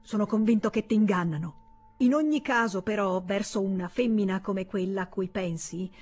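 A woman reading aloud voices a stern middle-aged male senator who thunders threats at his brother, her voice a little husky. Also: medium pitch, moderate pace, a little mellow, soft background music, lightly acted.

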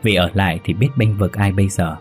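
A man narrating a scripted ghost story in a steady, unhurried way with a husky voice. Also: sits low. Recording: soft music bed under the voice.

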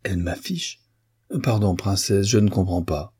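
A proud, impetuous young violinist, vehement and quick to scorn, as a male narrator voices him. The voice stays deep and husky with a dark, mellow timbre. A storybook reading. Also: heavily acted. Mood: indignant. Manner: vehement, indignant, disdainful.

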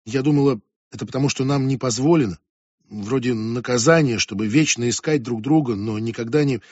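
Man doing a quiet, haunted teenage girl. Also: medium pitch, brisk, dry recording, lo-fi sound, close to an everyday voice. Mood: dreamy, sad.

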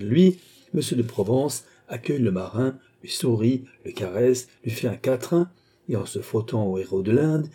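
Man playing a witty young prince, teasing, bantering, dark voice, slightly husky, audiobook. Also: medium pitch.

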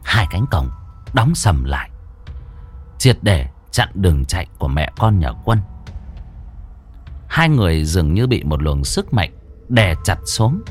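A man narrating a horror story with a dramatic, expressive reading. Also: fairly low pitch.

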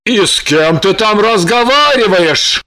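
A woman voicing a sleepy, doting husband who calls out to his wife in slow, drawn-out words. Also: mid-range voice, lively intonation, fairly bright tone, no room sound. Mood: calling. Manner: drawn-out, calling from afar.

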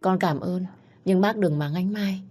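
A woman's voice: on the low side, brisk, lightly acted. A woman voicing a scheming, two-faced young woman who talks sweetly and shrilly. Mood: sugary.

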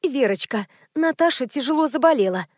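A woman voicing a gentle middle-aged woman who speaks in a smooth, placating way in an audiobook. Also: high-pitched, expressive, brisk, dry recording, clean studio sound.

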